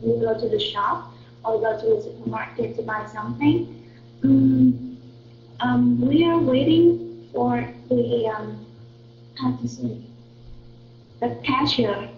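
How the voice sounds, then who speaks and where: A woman's voice: on the high side, slow pace, a little hiss or hum. A woman from Vietnam with a Vietnamese accent, an English student reading aloud and answering questions, often searching for words. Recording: tinny phone-like line in an echoey room.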